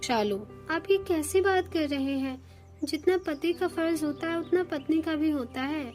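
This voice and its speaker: A woman voicing a devoted, anxious young female sparrow wife who speaks softly and tearfully in a cartoon. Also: high voice, normal speed, faint music behind, lightly acted. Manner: soft, tearful.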